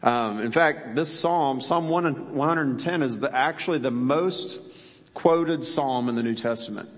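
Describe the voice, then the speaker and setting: A pastor giving a conversational sermon in a church, full of rhetorical questions. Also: male voice, mid-range voice, unhurried. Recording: long hall reverb.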